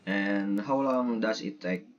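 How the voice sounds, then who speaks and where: Slow-talking young man, halting. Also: lowish voice, highs cut off. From Indonesia. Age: young adult. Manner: halting, with many fillers. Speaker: student interviewer. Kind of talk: casual interview for a class assignment.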